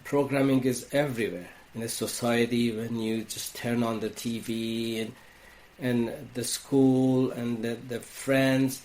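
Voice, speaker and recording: A man from Iran with an Iranian accent, a wellness coach speaking as a podcast guest, talking in a slow, reflective way with frequent restarts. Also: mid-range voice, fairly even intonation, a little mellow, a little hiss or hum. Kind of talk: reflective interview talk.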